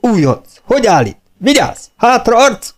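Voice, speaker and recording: A man voicing a loud, fearsome male drill sergeant who barks commands and puts on a false jovial air, in an audiobook reading. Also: extremely high pitch, very animated, voice pushed up, exaggerated voice. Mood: barking.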